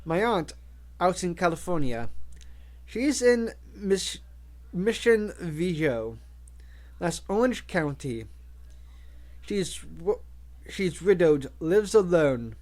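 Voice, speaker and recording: A man's voice: on the high side, expressive, slow, pauses often, darkish tone. A man voicing a friendly, curious young male pet-store clerk who talks in an easygoing way.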